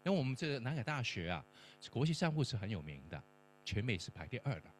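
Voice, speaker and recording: A man's voice: mid-range voice, sing-song, fast talker. A middle-aged man, a professor and church mentor, telling a testimony-style story and acting out the dialogue. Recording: faint mains hum.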